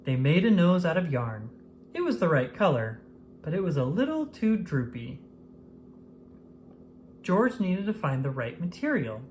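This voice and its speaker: Reading a children's story in a low-pitched voice, a woman lets her pitch dance expressively to suit young ears. She goes unhurriedly, leaving long pauses, while some background noise sits under the narration.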